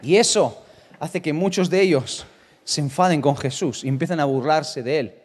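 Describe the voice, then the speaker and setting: A man's voice: on the high side, normal speed, darkish tone. A man from preaching a sermon with emphatic rhetorical questions. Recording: long reverb of a large room.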